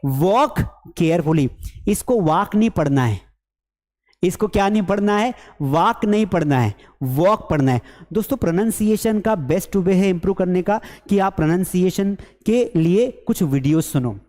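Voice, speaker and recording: High-voiced guy teaching english online, teasing and lively, big reverby hall sound. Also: normal speed. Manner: lively, teasing, acts out learners' mistakes. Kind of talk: online class lecture.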